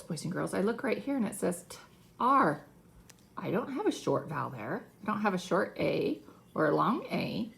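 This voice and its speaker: Gravelly low-voiced woman teaching phonics. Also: a little hiss or hum. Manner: animated, gasping with mock surprise. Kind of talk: phonics lesson for children.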